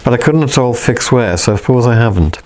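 A man reading a lively, friendly gentleman who speaks briskly and cheerfully. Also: mid-range voice, natural voice.

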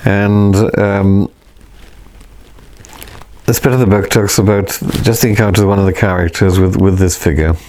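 A man reading a novel aloud in a quiet, measured, reflective way. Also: low voice, steady tone, a little hiss or hum.

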